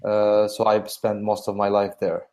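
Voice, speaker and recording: A Syrian man speaks English, his second language, with a Kurdish first tongue behind it. His voice is dark and mellow. He talks haltingly, full of fillers and restarts, as an interview guest. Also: on the low side, monotone. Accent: Syrian Arabic. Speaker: guest journalist. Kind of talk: interview answers.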